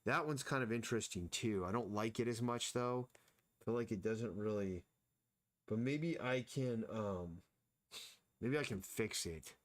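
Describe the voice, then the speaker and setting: This streaming artist speaks at a measured pace in a lowish voice, with no echo in the recording. He muses casually as he draws and explains anatomy live.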